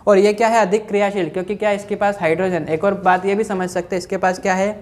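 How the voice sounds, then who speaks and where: A woman chemistry teacher who asks questions and answers them herself, then dictates notes slowly, repeating each phrase. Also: medium pitch, flat delivery, darkish tone.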